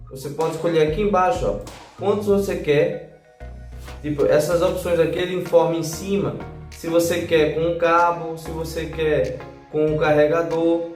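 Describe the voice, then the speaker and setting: A Brazilian man who hosts a gadget review channel does a casual tutorial voice-over, instructing viewers directly and often checking in with them. His voice is high and a little mellow, with a roomy sound.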